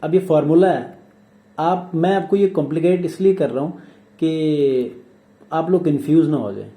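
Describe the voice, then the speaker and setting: A man's voice: on the high side, normal speed, dark tone. Male tutor, Pakistani Urdu accent, patient step-by-step explainer, roomy echoey recording. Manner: explanatory, repeats "theek hai" checks. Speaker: tutorial instructor. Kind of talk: screen-recorded software tutorial. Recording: echoey room.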